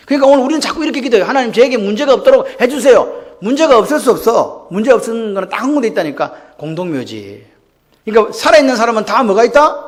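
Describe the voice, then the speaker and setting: A male pastor preaching a Sunday sermon, throwing rhetorical questions and calls for response to his congregation. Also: very high voice. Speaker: senior pastor.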